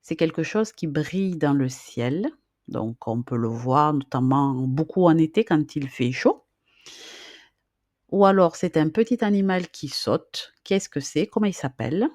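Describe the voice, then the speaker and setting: A reading teacher talks very slowly and deliberately, spelling out syllables and repeating each question for beginners. The voice is dry and close, with no room sound around it, and the delivery stays patient and methodical. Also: mid-range voice, expressive, a little mellow, no room sound. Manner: casual fillers between explanations.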